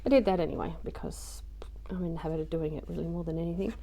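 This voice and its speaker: A craft journaling vlogger talks fast in a lower, dark-toned voice with fairly even intonation, her voice only just recovered. She rambles about a home craft project, peppering it with ums and self-deprecating little asides.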